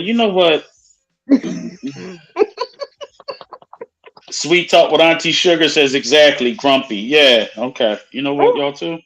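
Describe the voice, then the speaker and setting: A man's voice: mid-range voice, a bit bright, poor audio. Man with a blunt, profane casual manner. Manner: blunt, profane, reading viewer comments aloud. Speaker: co-host. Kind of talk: casual live-stream chat.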